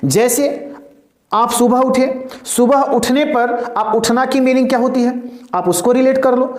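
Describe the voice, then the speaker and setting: In an echoey room, a man with a very high-pitched voice teaches English vocabulary a little slowly. He repeats points, asks and answers his own questions, calls listeners "dear", and drills pronunciation call-and-response style.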